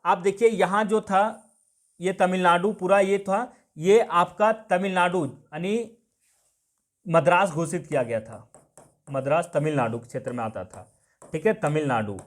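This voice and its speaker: A male coaching teacher with a Jharkhand Hindi accent, lecturing in a high-pitched voice. He asks questions of the class and answers them himself, circling back to repeat each point. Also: measured pace.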